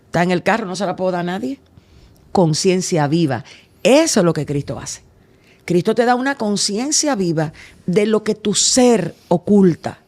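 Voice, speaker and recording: A man's voice: high-pitched, lively intonation, normal speed, a little mellow. Emphatic male pastor, preacher-like. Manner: emphatic, preacher-like, asking rhetorical questions. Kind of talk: preaching in conversation.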